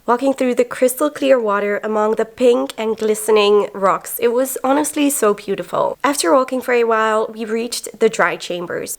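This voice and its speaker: Woman, travel vlogger, slightly high voice, chatty, enthusiastic, explanatory narration. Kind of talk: vlog narration and personal recap.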